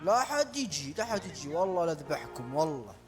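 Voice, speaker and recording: A man giving excited, casual commentary over a video game, shouting and repeating words. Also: on the high side, fast talker, music in the background. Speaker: gameplay commentator.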